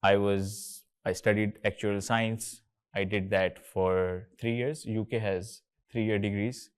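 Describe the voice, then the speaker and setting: A man's voice: fairly low pitch, fairly even intonation, takes it slowly, clean tone. A man in his thirties from Karachi with a Pakistani accent, hosting a casual, chatty talk with students and often slipping between English and Urdu. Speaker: host, company co-founder.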